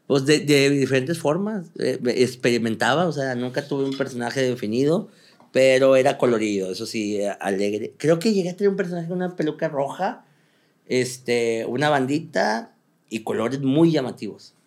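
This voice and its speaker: A young man with a Mexican accent tells stories in a loose, slangy interview chat. He talks quickly and with a lot of energy. His voice sits at an ordinary middle pitch for a man. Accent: Mexican Spanish. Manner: fast-talking, animated storyteller, slangy. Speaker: comedian guest.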